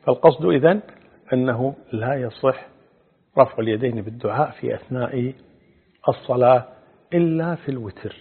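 A middle-aged male Islamic scholar answering religious questions in a measured, explanatory way, quoting hadith. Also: medium pitch, breathy edge. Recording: phone-like narrow band.

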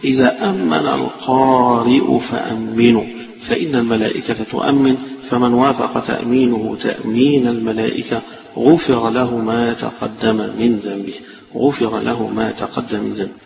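A man with an Egyptian accent teaching a mosque lesson, scolding his students and tripping over quick restarts. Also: fairly even intonation, gravelly. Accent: Egyptian Arabic. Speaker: sheikh teaching a classical fiqh text. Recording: echoey mosque hall, dull low-fi recording with background hiss.

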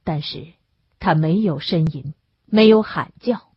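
A woman narrating an audiobook in an expressive storytelling manner, on a dull, lo-fi recording. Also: fairly low pitch, a little slow, breathy edge, dry recording.

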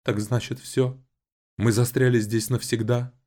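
A man's voice: on the low side, fairly quick, darkish tone, pitched above the performer's own voice, close to an everyday voice. A man voicing an anxious, wistful young woman who pleads hesitantly, in an audiobook. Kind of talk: audiobook voice acting.

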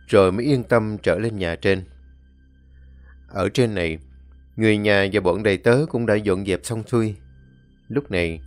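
A man narrates a scripted story in a measured, even voice that sits on the low side. Soft background music runs under his telling.

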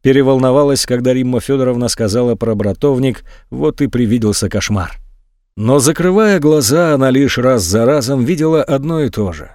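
Male narrator, calm measured reading, mid pitch, dry close sound. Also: dry recording. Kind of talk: audiobook reading.

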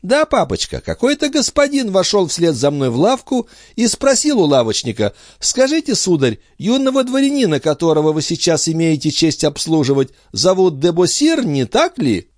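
A man voicing an excited little boy who chatters and shouts, in a read-aloud story. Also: on the high side, normal speed, few pauses, dry recording, clean studio sound, pitched above the performer's own voice. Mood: chattering.

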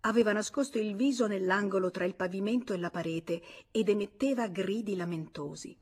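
A woman reading a novel aloud as an audiobook reader, with measured and expressive narration. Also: medium pitch, breathy edge. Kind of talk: scripted literary narration.

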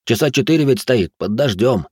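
A man's voice: medium pitch, expressive, fairly quick, darkish tone, breathy edge, dry recording, studio quality, pitched above the performer's own voice. A man voicing a big, blunt former lieutenant who talks plainly and easily.

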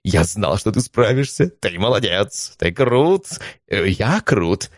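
A man voicing a rowdy, boastful male god of duels who yells in exuberant excitement. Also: lowish voice, slow pace, no echo, clean studio sound, voice pushed up, full character voice. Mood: exultant.

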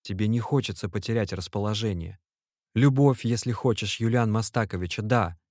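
A man's voice: lowish voice, moderate pace, no room sound, clean studio sound. A man voicing an anxious, devoted young male clerk who pleads and cries out to his friend. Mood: pleading. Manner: pleading, agitated, shouting.

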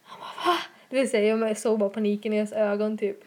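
A woman's voice: medium pitch, level tone, a little mellow. A young woman co-hosting a podcast, telling a story in casual chat, laughing often and acting out her own reactions. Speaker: podcast co-host.

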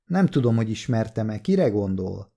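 A man voicing a curt, guarded baritone man. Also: sing-song, vocal fry, dark tone, full character voice. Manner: terse, clipped answers.

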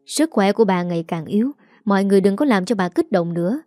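A grave old male doctor, read by a woman storyteller, delivers a measured warning in a mellow, close voice. His words sit dry and near, with a Southern Vietnamese accent. Faint music hums behind. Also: mid-range voice, expressive, dry recording, close to an everyday voice.

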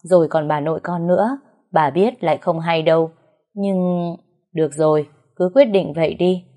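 A woman voicing a stern aging father who lectures his grown daughter in a firm, slow, measured way. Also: low-pitched, mellow, close to an everyday voice. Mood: deciding.

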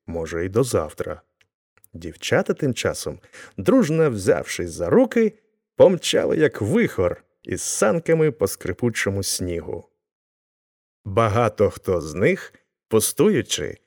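A man reading a classic tale aloud as an audiobook narrator, with expressive storytelling. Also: lowish voice.

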